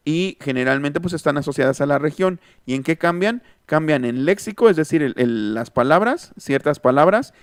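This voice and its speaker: Speaking into a close mic for his online class, this Mexican-accented man delivers a linguistics lecture, reasoning aloud and replying to students' remarks along the way. His voice sits fairly high and smooth. The audio is studio quality without echo.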